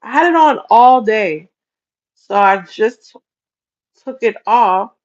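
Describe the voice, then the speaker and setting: A woman's voice: a little high, animated, takes it slowly. Woman rambling live on stream, laughs a lot, kinda dull lo-fi sound. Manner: chatty, rambling, laughs often. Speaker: livestream host. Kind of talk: casual livestream chat.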